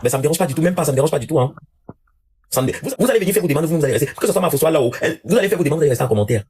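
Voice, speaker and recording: A man rants to his live-stream audience at a breakneck clip, doubling back on his own phrases. His voice has a husky, slightly raspy edge. It is casual, unscripted chat aimed at viewers. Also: a little high. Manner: rapid, animated ranting with repeated phrases.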